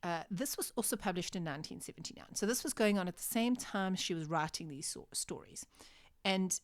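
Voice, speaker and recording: A woman giving a literature lecture to her students, explaining clearly with measured pauses for emphasis. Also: fairly low pitch, animated, no echo, studio quality.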